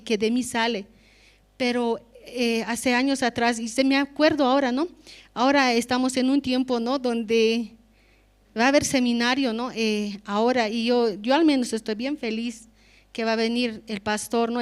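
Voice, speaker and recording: A woman with a Bolivian Spanish accent giving an earnest, conversational testimony in church, often adding tag questions. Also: on the high side. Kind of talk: spontaneous spoken testimony in church.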